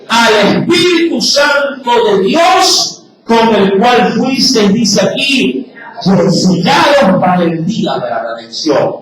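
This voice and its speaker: A man preaching a sermon as pastor, loudly asking his congregation rhetorical questions. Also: very high voice. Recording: very echoey hall, picked up from a distance.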